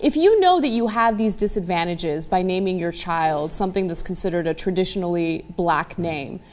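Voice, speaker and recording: A woman's voice: lowish voice, expressive, moderate pace. A woman co-hosting a panel discussion who asks questions in a careful, apologetic way. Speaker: co-host. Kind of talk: panel talk.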